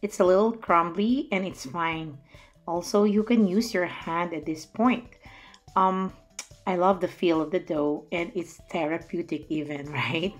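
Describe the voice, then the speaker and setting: A woman's voice: lowish voice, unhurried. A middle-aged woman with a Filipino accent chattily narrating a recipe as a home baking host, with playful asides. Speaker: home baker hosting a cooking vlog. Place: home kitchen, indoors.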